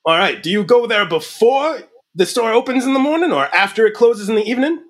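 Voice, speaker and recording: A man's voice: very high voice, expressive. A man playing a bumbling detective in an improvised comedy interrogation, stumbling and restarting his questions. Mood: deadpan. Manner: halting, stumbling over questions. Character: bumbling male detective with a self-declared accent.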